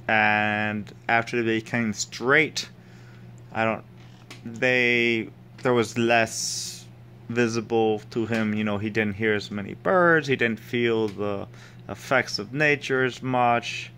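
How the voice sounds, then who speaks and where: A man talking through his own ideas in a casual solo monologue, rambling and thinking aloud with pauses and restarts. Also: mid-range voice, fairly bright tone, a little hiss or hum. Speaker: solo speaker sharing ideas.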